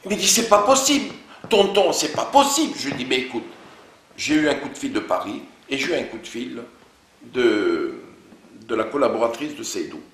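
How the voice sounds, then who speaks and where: A man giving an interview, recounting events in lively storytelling and acting out the dialogue of the people involved. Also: mid-range voice, gravelly, reverberant. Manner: animated storytelling, quoting others' words in dialogue. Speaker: interview guest.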